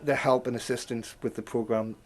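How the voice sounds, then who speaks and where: A man from a charity speaking in a measured, hesitant way in an interview. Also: medium pitch, steady tone. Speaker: charity organiser. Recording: roomy, distant, loud music.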